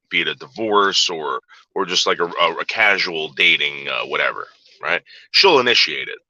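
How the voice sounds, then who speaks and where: A man's voice: on the low side, sharp tone, no room sound, rough recording. A man ranting on a casual livestream, talking back to chat, profane and repetitive with frequent restarts. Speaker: livestream host reading chat.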